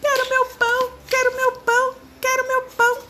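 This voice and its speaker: A woman's voice: completely flat delivery, normal speed, pushed and bright, a little hiss or hum. Woman doing a squealing crying monkey. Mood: wailing, crying. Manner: high whiny crying wail. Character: wailing childlike male monkey, tail lost. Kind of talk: storybook read-aloud.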